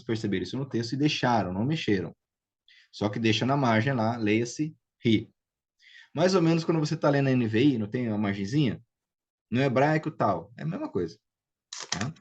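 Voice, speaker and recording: A man's voice: medium pitch, lively intonation, a little fast, a little mellow, slightly rough. A man with a Brazilian Portuguese accent teaching a live biblical Hebrew class, patient and checking in with students as he goes. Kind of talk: live online class, explaining and drilling pronunciation.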